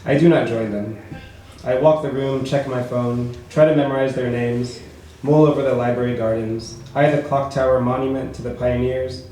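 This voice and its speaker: A man reads his own prose poetry at a book launch, in a measured, rhythmic cadence. His mellow voice sits at a middle pitch. The recording is very echoey, with faint room noise behind him. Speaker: author reading his work. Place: bookshop event space.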